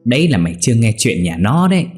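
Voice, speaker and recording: A man voicing a sharp-tongued old village mother-in-law, scolding in a shrill, shrieking voice. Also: big pitch swings, fast, faint music behind, close to an everyday voice. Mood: scornful scolding.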